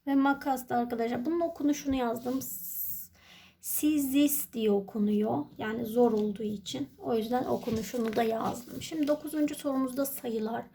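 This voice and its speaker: A woman's voice: fairly high pitch, moderate pace, warm tone. A woman teacher with a Turkish accent, walking through an exam step by step and answering her own questions. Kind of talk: exam walkthrough lesson.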